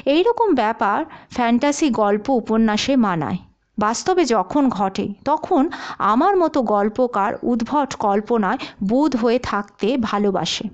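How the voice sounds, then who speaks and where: A woman narrating a detective story in an expressive audiobook style. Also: on the high side, muffled recording.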